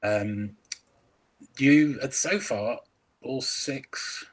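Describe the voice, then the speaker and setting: Speaking extremely slowly at a medium pitch, a man talks as a crime author in a casual interview over a video call. He sounds hesitant, with many ums and restarts.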